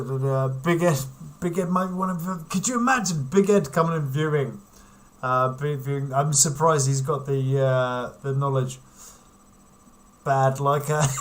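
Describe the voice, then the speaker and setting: A man's voice: mid-range voice, a bit bright. A man hosting a casual livestream, rambling and giggling as he chats with viewers. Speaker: livestream host.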